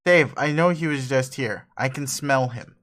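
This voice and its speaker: A man doing a deadpan, teasing odd girl. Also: medium pitch, moderate pace, voice pushed down, lightly acted.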